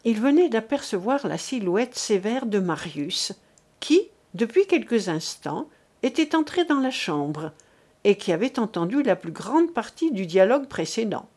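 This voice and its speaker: A woman reading a classic novel aloud as narrator, measured and clear. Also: medium pitch, sing-song, a little mellow. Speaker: audiobook narrator. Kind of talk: scripted literary narration.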